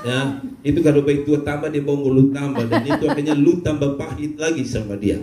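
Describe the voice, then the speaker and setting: A man delivers a sermon, slipping between jokes and loud, emphatic bursts. His voice sits a bit high yet sounds mellow and dark. The church hall adds a roomy echo over faint background ambience. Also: steady tone, fairly quick, a little hiss or hum. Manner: storytelling with bursts of shouting and humor. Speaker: pastor.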